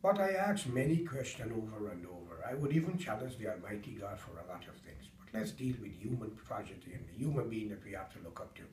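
A man's voice: fairly low pitch, animated, fast, few pauses, a little hiss or hum. Impassioned Guyanese man ranting to camera. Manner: impassioned, preachy, rising to loud emphatic peaks. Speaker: political commentator. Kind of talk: direct-to-camera political rant. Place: home dining room, indoors. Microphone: camera several feet away. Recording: roomy, distant camera mic.

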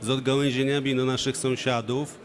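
A man's voice: mid-range voice, level tone, a little fast. A man speaking formally and measuredly on a conference panel, with frequent hesitations, into a handheld mic. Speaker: minister on panel. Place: large conference stage.

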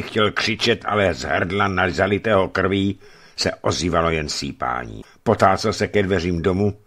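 A man reading an adventure novel aloud as a radio audiobook, in an expressive storytelling manner. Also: sits low. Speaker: radio reader. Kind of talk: audiobook narration.

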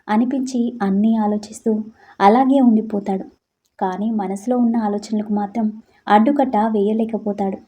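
A woman narrating a scripted love story in a gentle, even storytelling manner. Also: medium pitch, breathy edge.

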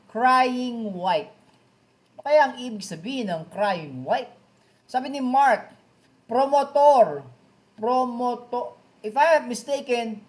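A man's voice: high voice, a little mellow. A man hosting a vlog, reading comments aloud and reacting with chatty, dramatic exclamations, peppering his lines with a nickname for his fans. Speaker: boxing news vlogger.

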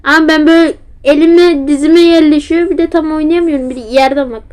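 A woman's voice: sits high, fairly even intonation, fairly quick, a little mellow. A woman with a Turkish accent giving casual, self-mocking commentary as she plays a horror game, talking into a facecam at home. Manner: chatty, self-mocking, easily flustered. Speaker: gamer playing a horror game. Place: at home, seated. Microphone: facecam with built-in mic.

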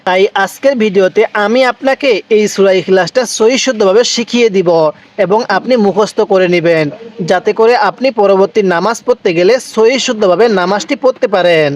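A man teaching Quran recitation to Bangladeshi listeners, repeating each word slowly and asking them to recite along. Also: high voice. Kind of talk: slow step-by-step recitation lesson.

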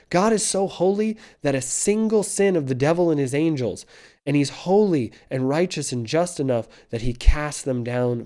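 Male street-style preacher, intense and warning, dark timbre, shifts between loud urgency and hushed gravity. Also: mid-range voice. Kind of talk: evangelistic sermon.

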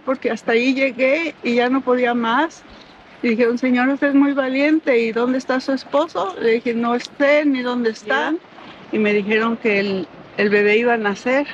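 An older woman telling her own story of a dangerous childbirth, halting and emotional, with many restarts. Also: a little high. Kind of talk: personal storytelling. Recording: dull lo-fi recording, faint noise.

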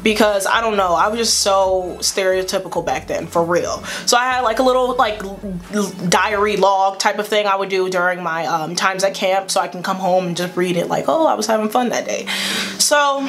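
A young woman vlogger telling a story from her childhood in a casual, animated and slangy way. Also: medium pitch, moderate pace.

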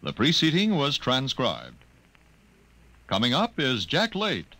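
A man announcing in a formal, measured 1950s radio style, heard from an old broadcast disc transcription. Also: medium pitch, huge pitch swings, bright, forceful tone, slight background noise.

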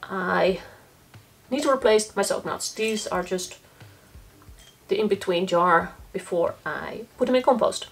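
A young eco-living vlogger, sitting on the floor in a small indoor laundry corner, checks items one by one during an on-camera laundry test. Her medium-pitched voice is a little slow with vocal fry, a faint hiss or hum underneath, and she thinks aloud in a casual, matter-of-fact manner.

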